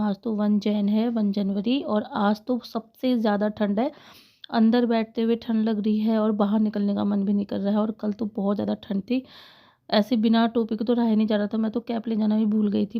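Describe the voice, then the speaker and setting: A woman's voice: medium pitch, gravelly, muffled recording. A woman in her thirties narrating a casual family vlog voice-over, chatty and often laughing as she talks to her viewers. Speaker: vlogger.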